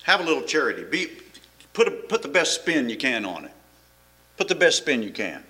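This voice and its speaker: A man's voice: mid-range voice, big pitch swings, brisk, sharp tone. A middle-aged man, preaching a folksy, rambling sermon full of restarts and chuckles. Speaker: pastor.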